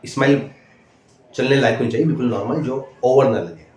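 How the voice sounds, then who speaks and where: Man, interview coach, mid-pitched voice, echoey room, faint background hum. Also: fairly quick, darkish tone. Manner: repeats "है ना" as a tag, direct and instructive. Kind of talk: casual advice video.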